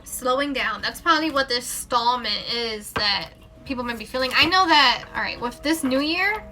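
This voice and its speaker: Expressive and high-pitched, a mother doing a live tarot reading speaks at a moderate pace in a pushed, bright voice. Faint music plays behind her casual, rambling delivery, thick with fillers and self-corrections.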